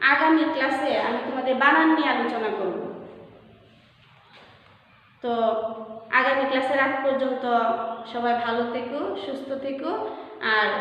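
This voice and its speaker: A woman teacher giving an online class, who asks the class questions, answers them herself and draws out example words slowly. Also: high voice. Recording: very echoey room with long reverb.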